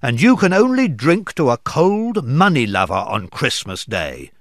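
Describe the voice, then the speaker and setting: A man reading aloud voices a sharp-tongued mother of a poor family, speaking firmly and resentfully. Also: mid-range voice, very animated, a little slow, no room sound, studio quality.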